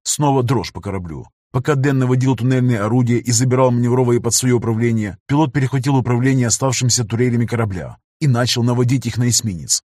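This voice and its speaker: A man narrating a sci-fi audiobook in a brisk storytelling manner. His voice is husky and middling in pitch. The sound is dry and close. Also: darkish tone, dry recording.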